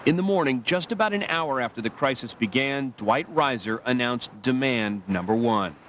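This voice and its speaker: A man's voice: mid-range voice, animated, moderate pace, fairly bright tone, slight background noise. A man narrating a documentary from a dramatic script.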